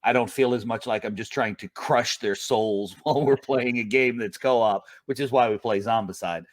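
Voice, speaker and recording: A man's voice: medium pitch, normal speed. A man co-hosting a podcast, chatting in a jokey, playful way. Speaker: podcast co-host. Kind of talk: casual podcast chat.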